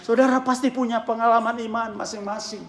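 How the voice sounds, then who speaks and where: A male pastor preaching a sermon with a hoarse voice, swinging from hushed tones to shouting and mixing English phrases into his talk. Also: very high voice, level tone, quick pace, reverberant. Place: church.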